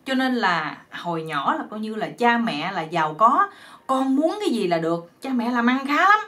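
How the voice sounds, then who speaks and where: A woman's voice: a little high, sing-song, moderate pace, sharp tone. A woman with a Southern Vietnamese accent telling a folk joke story in a chatty, rambling, folksy way.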